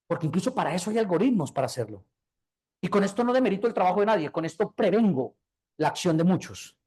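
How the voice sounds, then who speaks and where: A man's voice: sits high, big pitch swings, darkish tone, slightly rough. A Colombian man giving a motivational business talk to an audience, emphatic, hammering key words again and again. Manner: fast, emphatic, repeats key words over and over. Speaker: business speaker.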